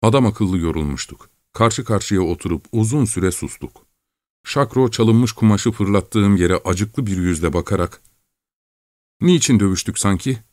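A man reading a novel aloud as an audiobook narrator, in a measured, even storytelling manner on a close studio mic. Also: lowish voice, no echo. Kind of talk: scripted narration.

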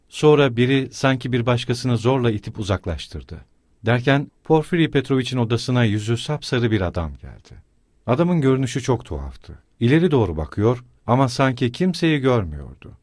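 Male audiobook narrator, lively intonation, dry close sound, measured reading. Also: medium pitch, no echo. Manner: measured, expressive literary reading. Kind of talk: scripted narration.

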